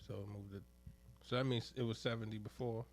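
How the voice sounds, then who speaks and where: A man co-hosting a podcast, reasoning out loud in a slangy, animated way. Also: on the low side, fairly quick, creaky. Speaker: podcast co-host. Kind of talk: casual podcast chat.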